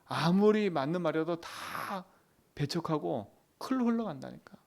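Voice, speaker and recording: A man preaching a dawn prayer sermon as pastor, asking the congregation questions, swinging from loud emphatic lines to quiet asides. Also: on the high side, animated, normal speed, creaky.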